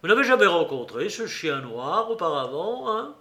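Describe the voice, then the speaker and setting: A man voicing a cunning one-legged old sea cook who blusters and shouts in loud theatrical outbursts, in a radio reading of a story. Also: high voice, big pitch swings, normal speed, full character voice. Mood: blustering.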